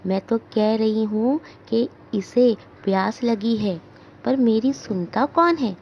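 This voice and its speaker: A woman's voice: on the high side, takes it slowly, a little mellow, highs cut off, slight background noise. A woman teacher voicing a bossy, impatient old grandmother who nags in a raised voice. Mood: scolding. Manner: raised, nagging tone.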